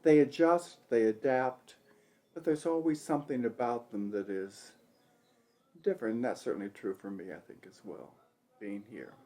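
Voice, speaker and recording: Older man, American accent, reflective, plainspoken, documentary interview, middle-pitched voice. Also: normal speed. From United States. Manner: reflective, plainspoken, soft trailing endings. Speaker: teacher.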